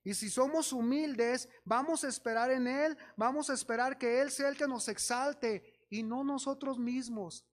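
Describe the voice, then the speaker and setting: A man's voice: very high-pitched, a little slow, hardly any pauses. A man with a Mexican accent preaching a sermon, telling stories and acting out the voices of people in them while exhorting his congregation as brothers.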